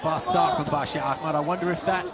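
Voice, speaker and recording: High-voiced man calling a live fight. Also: wildly swooping pitch, fast. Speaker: lead fight commentator. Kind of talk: live play-by-play commentary. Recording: loud arena crowd and noise. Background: crowd and arena noise.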